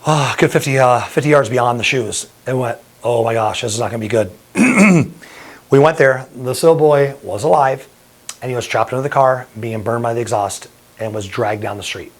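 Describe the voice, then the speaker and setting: A man's voice: mid-range voice, normal speed. Earnest middle-aged man telling a story. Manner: earnest, openly emotional. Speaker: bodybuilding promoter and firefighter. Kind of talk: personal storytelling to camera.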